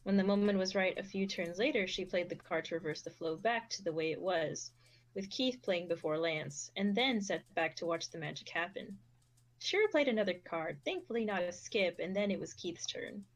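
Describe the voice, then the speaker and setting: A young woman reads the narration of an amateur fan fiction, keeping a steady pace and expressive phrasing. Her voice sits a little low for a woman. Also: moderate pace. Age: young adult.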